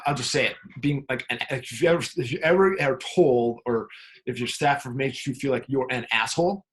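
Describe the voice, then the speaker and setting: A man's voice: medium pitch, a little fast, a bit bright. A man, a coach and co-host, talking candidly in casual conversation, often laughing.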